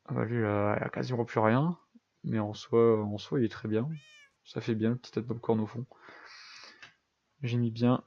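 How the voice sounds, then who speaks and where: A man's voice: medium pitch, level tone, moderate pace, gravelly, long pauses, darkish tone. Chatty young man with a lo-fi mic. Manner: chatty, self-deprecating, thinks aloud with many fillers. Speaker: gaming YouTuber. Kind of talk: casual Minecraft commentary.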